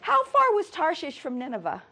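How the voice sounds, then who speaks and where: A woman's voice: high voice, wildly swooping pitch, normal speed, bright, forceful tone. A woman teaching a Bible study class, quizzing her students and laughing easily. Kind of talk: classroom Bible lesson with questions.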